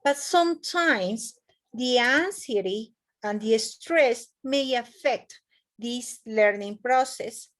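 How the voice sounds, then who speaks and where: A woman's voice: on the high side, slow. A woman teaching an online class, speaking hesitantly with many fillers and restarts.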